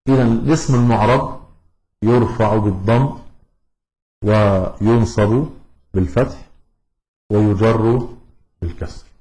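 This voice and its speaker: A man teaching a grammar lesson, slow and deliberate, repeating each example word. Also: on the low side, warm tone. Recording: echoey room.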